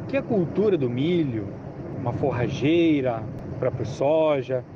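A man giving formal, instructive technical advice to farmers as an extension specialist. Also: on the high side. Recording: dull lo-fi, clearly noisy with outdoor vehicle sounds.

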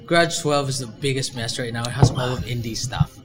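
A man in casual chat, rambling and animated, his voice jumping up when he gets excited. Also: mid-range voice, brisk, music in the background.

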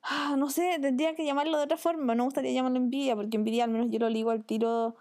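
A woman's voice: high-pitched, fairly even intonation, very fast, a little mellow, clean tone. A young Chilean woman in a casual chat, arguing her opinion and acting out quoted voices.

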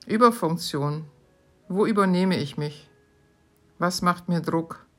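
A woman hosting her podcast, reading short questions aloud from her own book in a calm, measured way. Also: lowish voice, faint music behind. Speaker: podcast host.

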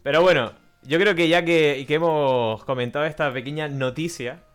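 A man's voice: a little high, steady tone, normal speed, clean tone. A man from hosting a casual live-streamed podcast, chatty and jokey, often restarting his sentences. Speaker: podcast host. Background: faint background music.

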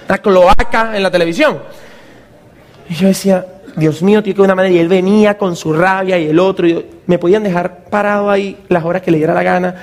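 A man's voice: high-pitched, in a large hall. A man, a motivational speaker telling a comic story to an audience and acting out the other people's voices. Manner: lively, acts out the voices of others.

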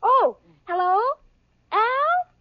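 A woman's voice: very high-pitched, big pitch swings, extremely slow, noisy background, full character voice. Irma, a ditzy sweet girl. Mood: scatterbrained. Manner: dim, earnest, giggly. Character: ditzy sweet young woman Irma, scatterbrained. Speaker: sitcom lead. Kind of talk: 1940s radio sitcom acting. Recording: muffled old radio broadcast with studio audience.

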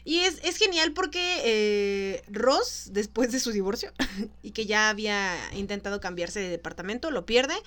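A woman's voice: medium pitch, animated, moderate pace, fairly bright tone. A woman with a Mexican accent, co-hosting a casual chat and retelling a sitcom episode. She laughs often and acts out the characters' lines. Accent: Mexican Spanish. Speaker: podcast co-host.

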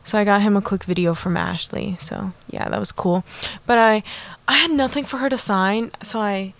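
On her own podcast, this young woman talks in a bubbly, chatty way, peppering her speech with "like" and side comments to listeners. Her creaky voice has a medium pitch and moves at a normal speed.

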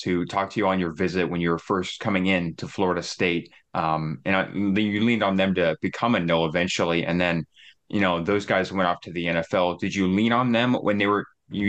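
Low-voiced male sports reporter. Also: fairly bright tone. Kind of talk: long interview questions.

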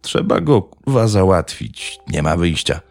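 Man voicing a gravelly, harsh village thug, cursing, commanding, dry sound. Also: low voice, very animated, unhurried, no room sound, full character voice. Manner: gruff, cursing, giving orders.

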